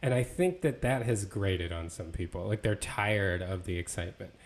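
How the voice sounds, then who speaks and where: A man's voice: low voice, lively intonation, moderate pace. Chatty man talking football. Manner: conversational, many fillers and restarts. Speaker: podcast co-host. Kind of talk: casual sports chat.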